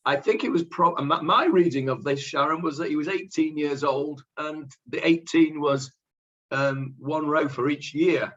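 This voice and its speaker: A man teaching a Talmud class as rabbi, halting with many fillers and dry humorous asides. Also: a little high, fairly bright tone, highs cut off. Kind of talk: Talmud lesson.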